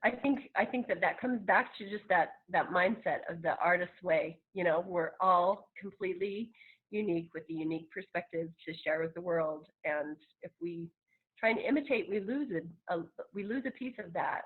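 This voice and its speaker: A woman speaks earnestly over a video call, her voice slightly husky. The sound is thin and tinny, like a phone line. She rambles a bit and restarts her sentences. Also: lowish voice, moderate pace. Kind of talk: casual talk to a group on a call.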